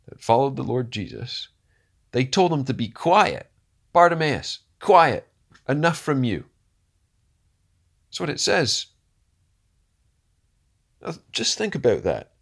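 A man preaching a sermon, swinging from hushed, slow lines to loud, rousing ones and asking the listeners rhetorical questions. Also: medium pitch, vocal fry, husky.

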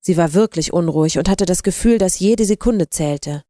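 A woman narrates a story in a measured, even voice. Her tone is low and mellow, and the sound is close and dry. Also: dry recording. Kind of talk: audiobook narration.

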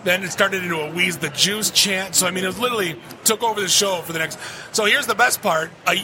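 A man's voice: sits high, quick pace, a crowd in the background. A man hosting a casual podcast chat, telling rambling jokey stories. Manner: joking, rambling storyteller. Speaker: podcast host. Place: busy convention floor. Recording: noisy convention background.

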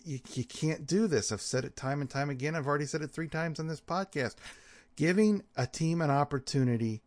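A man hosting a podcast, giving a casual sports recap in a halting, conversational way. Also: medium pitch, a little mellow, dry recording. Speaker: podcast host.

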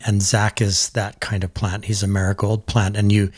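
A man with a fairly low voice hosts a podcast interview. He asks long, careful questions and explains things to his listeners in a measured, patient way. The recording is dry and close. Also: level tone, no echo. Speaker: podcast host. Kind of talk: interview hosting.

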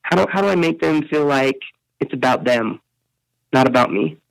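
Animated storyteller with a bright voice. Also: male voice, fairly high pitch, normal speed, creaky, dry recording, poor audio. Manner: animated storytelling with frequent repeated words. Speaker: interview guest, speaker. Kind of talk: casual podcast interview.

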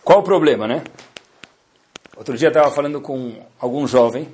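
A rabbi teaching a Torah lesson with stories, lively, swinging between loud emphasis and soft asides, and acting out the dialogue. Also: male voice, medium pitch, moderate pace. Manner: acts out dialogue in his stories.

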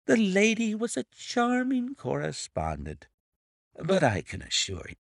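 A man reads an audiobook character: a smug, middle-aged blackmailer who purrs threats with mock sympathy, oily and unctuous. His fully acted voice sits noticeably higher, gliding unhurriedly through big rises and falls, with a gravelly edge beneath the charm. The recording is close and dry, with no echo.

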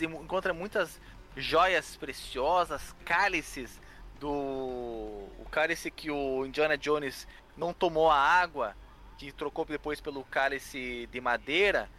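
A man's voice: a little high, animated, measured pace, pushed and bright. Joking Brazilian man spinning theories. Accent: Brazilian Portuguese. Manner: jokey, rambling speculation with laughs. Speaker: podcast co-host. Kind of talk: casual comedic podcast banter.

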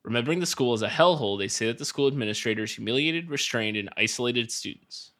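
Bright-voiced joking Irish man. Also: medium pitch, lively intonation, fast talker. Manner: joking, swears casually, says "dude" a lot. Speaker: podcast co-host. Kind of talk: casual chat, reading an article aloud.

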